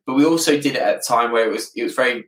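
A man's voice: mid-range voice, rapid-fire, a bit bright. A man in his thirties telling his story casually as an interview guest, often hesitating and repeating words as he goes. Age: 30s. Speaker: podcast guest, property business owner. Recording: roomy, echoing, distant from the mic.

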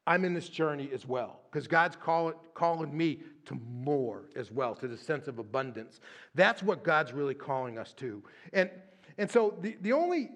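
A middle-aged man preaching as a pastor in a conversational sermon, often adding tag questions and stumbling on repeated words as he starts a line. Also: on the high side. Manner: tag questions, shifts from lively to hushed prayer.

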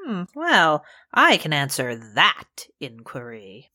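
A woman's voice: low voice, huge pitch swings, slow pace, pushed and bright, dry recording, clean studio sound, full character voice. A woman voicing a prim, formal shop mistress with stiff, haughty diction in an audio drama.

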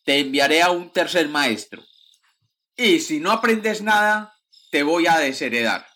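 A furious old nobleman scolds his useless son, his voice climbing high and sharp, as a man reads him in a children's story. He sounds exasperated and stern. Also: lively intonation, unhurried. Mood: angry. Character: old count, stern and quick-tempered father.

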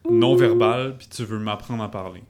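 A man's voice: lowish voice, normal speed, a little mellow. A man co-hosting a casual podcast, asking curious follow-up questions. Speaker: podcast co-host. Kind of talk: casual chat.

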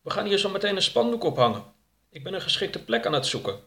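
A man's voice: high-pitched, sing-song, quick pace, a bit bright, pitched above the performer's own voice, full character voice. A man voicing a guarded, curt woman who organizes a private party. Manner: curt, dismissive.

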